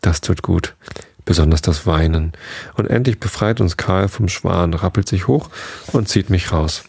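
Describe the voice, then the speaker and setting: A man reading a first-person story aloud in an even, gentle storytelling manner. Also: deep voice, unhurried, gravelly, husky, dry recording. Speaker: narrator.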